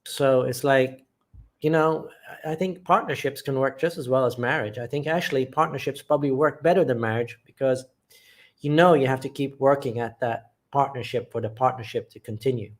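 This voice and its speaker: An English channel host runs a casual live chat, reading viewer comments aloud and responding to each with blunt, plain opinions. He speaks at a middling pitch in a brisk, everyday conversational style and keeps things matter-of-fact.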